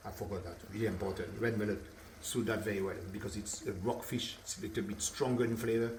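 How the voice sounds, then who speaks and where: French-accented chef demonstrating a dish. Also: male voice, lowish voice, quick pace, slight background noise. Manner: chatty, repeats words, relaxed explaining. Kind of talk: cooking demonstration. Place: kitchen at the stove. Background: sizzling frying pan.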